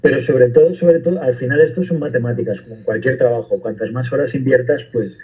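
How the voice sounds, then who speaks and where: A man's voice: medium pitch, fast. A man, an actor telling stories as a guest in a radio interview. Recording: tinny phone-like line.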